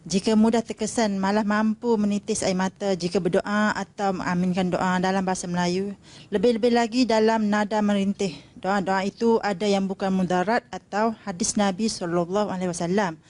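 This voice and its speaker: A woman's voice: medium pitch, fairly even intonation, fairly quick, darkish tone. A woman with a Malaysian Malay accent politely reading out a formal question to the preacher. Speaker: audience questioner.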